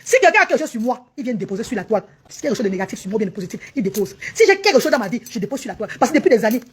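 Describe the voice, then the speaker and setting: A woman rattles off her words at great speed in a high voice, defiant and indignant. A faint hiss of noise sits under her speech. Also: big pitch swings. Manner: rapid-fire, defiant, indignant. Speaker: social media vlogger.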